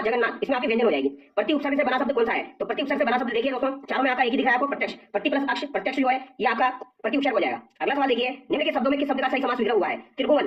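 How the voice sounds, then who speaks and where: A woman rattles through exam questions at a very fast clip, her voice sitting a bit high. She drills each answer twice and keeps addressing her viewers as friends. The sound is distant and dull, as if picked up from across the room on a lo-fi mic. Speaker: exam prep teacher. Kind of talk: rapid exam-question walkthrough.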